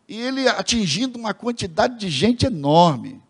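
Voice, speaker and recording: A man's voice: sits high, moderate pace, husky. A Brazilian man preaching a sermon as pastor, telling a story and mimicking the people in it. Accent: Brazilian Portuguese. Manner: lively storyteller, mimics voices in quotes, addresses congregation as brothers.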